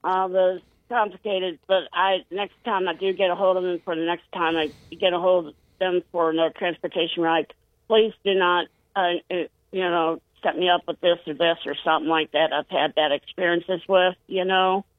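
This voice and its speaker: A caller on a radio show, heard over the phone, who talks in a halting way and often repeats and restarts words. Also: medium pitch, flat delivery, no echo. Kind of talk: call-in radio chat. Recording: tinny phone line, dry.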